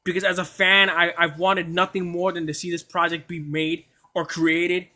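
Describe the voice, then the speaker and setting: Excitable stammering young-sounding man. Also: sits high, moderate pace. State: coughing at times. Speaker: anime streamer. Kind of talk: casual livestream chat.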